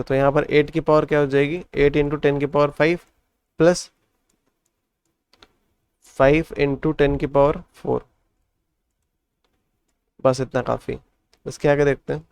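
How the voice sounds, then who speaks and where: A man's voice: on the high side, a little mellow, clean tone, no echo. A man tutoring a math lesson step by step, counting digits aloud and explaining patiently.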